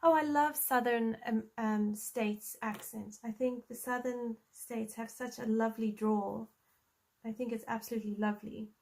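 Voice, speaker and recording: A South African woman in her thirties hosts a coloring channel, chatting casually on a live stream as she colors and thinks aloud with plenty of ums. Her voice sits a little high, with a steady tone, a moderate pace, and a darkish quality. She comes across as chatty and friendly.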